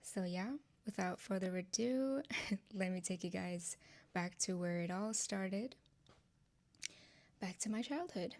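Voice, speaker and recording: A Nepali woman in her twenties, a native speaker of Nepali, shares her personal testimony with her channel's viewers in a soft, earnest way. She uses frequent ums and light laughs. Her mid-range voice moves slowly, and she pauses often.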